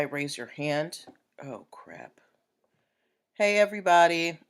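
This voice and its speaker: A woman hosts a live-streamed business and legal show, chatty and upbeat as she addresses viewers directly, though she has the hiccups. Her voice sits low.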